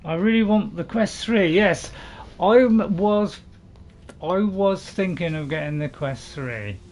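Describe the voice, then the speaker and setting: Brief: male gaming host, chatty rambling commentary with excited outbursts, slightly high pitch. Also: takes it slowly, a little hiss or hum. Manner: chatty and rambling, with sudden loud excited shouts. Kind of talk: casual gameplay commentary.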